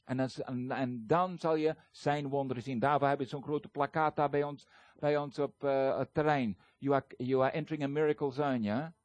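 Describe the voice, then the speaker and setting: A man's voice: medium pitch, normal speed, no room sound. A man giving a sermon as a guest preacher, talking conversationally with hesitations and acting out the voices he quotes. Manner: animated storytelling, acts out quoted voices.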